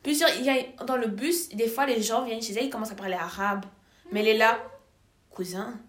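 A young woman from Belgium, hosting a casual podcast chat with friends, animated and quick to jump in. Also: a little high. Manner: animated, quick, talks over others. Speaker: podcast host. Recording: echoey room.

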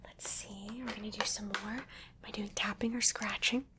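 A woman whispering a playful ASMR role-play, coaxing the listener with gentle repeated instructions. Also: mid-range voice, fairly even intonation, moderate pace, very noisy. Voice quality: soft whisper. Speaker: ASMR creator.

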